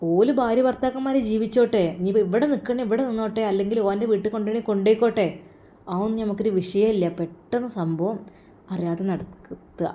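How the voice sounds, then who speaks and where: A woman voicing an older man who frankly advises a worried father, talking low and confidingly in a Malabar accent. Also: fast talker, mellow, close to an everyday voice. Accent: Malabar Malayalam.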